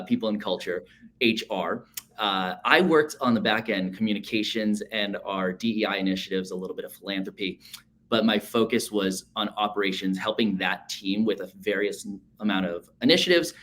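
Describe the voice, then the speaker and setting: A man's voice: on the low side, fairly bright tone. A man in his thirties, a guest speaking in a casual, upbeat way with frequent fillers over a video call. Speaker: associate sales manager, guest.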